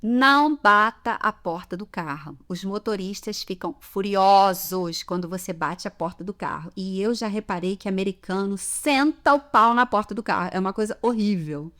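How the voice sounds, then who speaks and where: Speaking at normal speed with few pauses, a Brazilian woman uses a mid-range, fairly bright voice and a Brazilian Portuguese accent. As a language teacher on a podcast, she chats about everyday customs, gives examples, and checks in often with "tá?".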